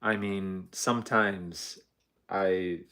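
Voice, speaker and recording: Slow, rambling middle-aged man in kitchen. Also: deep voice, steady tone, sharp tone. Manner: rambling, self-deprecating, many ums. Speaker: livestream host. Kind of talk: casual live cooking chat. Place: home kitchen.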